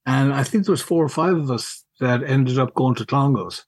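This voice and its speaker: A middle-aged man, reminiscing casually in a halting, wry way and repeating words as he goes. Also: mid-range voice, breathy edge, no echo. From County Mayo, Ireland. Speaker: podcast guest, school alumnus.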